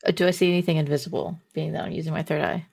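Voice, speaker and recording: A woman's voice: low voice, level tone, rapid-fire, creaky, darkish tone. A woman playing a tabletop role-playing game, casually improvising her character's actions and asking questions. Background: background music.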